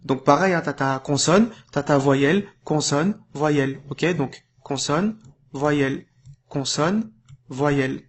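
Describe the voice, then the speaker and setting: A man giving an informal lesson, patiently explaining, checking in often and drawing out syllables slowly when modelling sounds. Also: fairly high pitch. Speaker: Arabic reading teacher. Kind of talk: casual tutorial addressed to the viewer.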